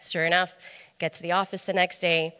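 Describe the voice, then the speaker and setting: A woman speaker telling a personal story on a conference stage, lively and acting out the dialogue. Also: on the low side, fairly quick, smooth. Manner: animated storyteller, acts out dialogue. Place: large hotel conference hall. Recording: echoey conference hall.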